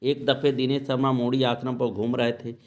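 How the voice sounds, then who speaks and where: A man's voice: mid-range voice, level tone. Man narrating devotional tales. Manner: measured reading, soft murmured invocations between episodes. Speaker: devotional storyteller.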